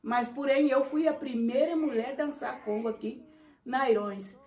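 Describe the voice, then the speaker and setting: A woman recounts her life in a documentary interview. She tells it with lively energy and plays out each quoted line. Her fairly high voice sits back from the mic in a roomy space with a clear echo. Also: normal speed. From Brazil, Minas Gerais. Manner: lively storytelling, acting out quoted dialogue. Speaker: interviewee, congo dancer. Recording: roomy sound from a distant mic.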